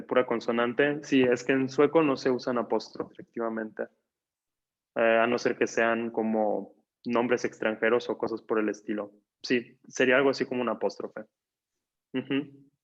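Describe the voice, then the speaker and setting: A man teaching a language class online, patiently repeating words slowly and filling gaps with soft "ujú" sounds. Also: mid-range voice, lo-fi sound. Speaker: Swedish teacher.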